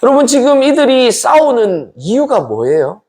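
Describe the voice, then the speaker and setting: Korean pastor guy preaching bible study, high voice that jumps all over, talks right to the church folks. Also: moderate pace. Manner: lively preaching, addresses the congregation directly.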